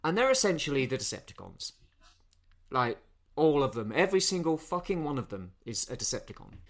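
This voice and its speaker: A man's voice: fairly high pitch, big pitch swings, fairly quick. A man chatting casually as a podcast co-host, rambling through a film's plot with frequent restarts. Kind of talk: casual film review chat.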